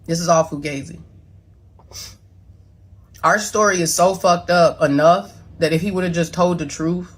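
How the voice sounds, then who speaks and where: This mother answers her son's claims in a rambling, profane confessional video, near tears as she apologizes and defends herself. Her voice is lowish and fairly even in intonation, unhurried, with frequent pauses.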